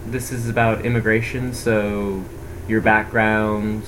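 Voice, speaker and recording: A man's voice: on the low side, takes it slowly, a loud crowd, poor audio. A man interviewing for an oral history project, hesitant with many fillers. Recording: steady background hiss.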